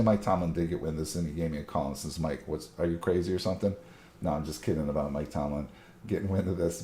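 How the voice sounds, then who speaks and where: Deep, mellow-voiced chatty man, echoey room. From Buffalo, New York. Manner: chatty, rambling storyteller with frequent fillers. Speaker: channel host. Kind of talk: casual chat to camera. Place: Southern California.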